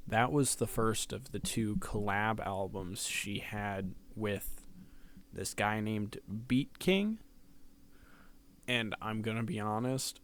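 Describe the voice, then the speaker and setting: A man's voice: fairly low pitch, slight background noise. A man casually reviewing rap albums, sleepy and yawning late at night, rambling with many ums on a close mic. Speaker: music reviewer. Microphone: close mic that can peak.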